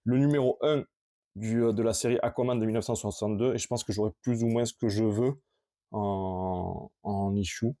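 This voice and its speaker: A man casually showing his collection on camera, talking in a halting, rambling way with many restarts. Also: lowish voice, fairly even intonation, dark tone.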